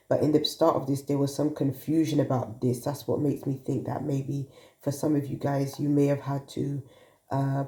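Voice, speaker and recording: Her voice rumbles low and dark as she works through an informal tarot reading for her viewers, thinking out loud. She has a cold and sounds sniffly, and the phone recording carries the echo of the room.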